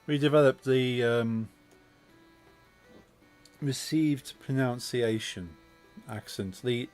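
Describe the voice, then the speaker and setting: Clear-spoken Midlands English man. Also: mid-range voice, a little mellow, faint music behind. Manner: deliberately clear, precise diction. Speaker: game streamer. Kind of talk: casual chat while gaming.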